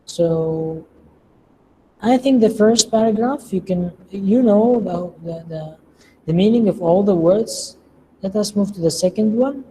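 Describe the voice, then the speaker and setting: A patient lecturer talks slowly and deliberately in a mellow, soft-edged voice. The speaker pauses to put questions to the class. The voice carries a long reverb through a large room, with faint noise behind it. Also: mid-range voice. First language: Arabic. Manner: patient, slow and deliberate, quizzing students. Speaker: English lecturer.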